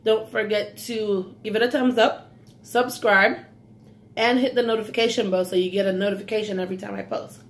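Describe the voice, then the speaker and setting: A mukbang vlogger from Belize, in her thirties and lightly accented, talks fairly quickly in a steady, mid-range voice, with a little hiss or hum on the recording. She chats casually at home in a small indoor room, savoring her meal with many mm's.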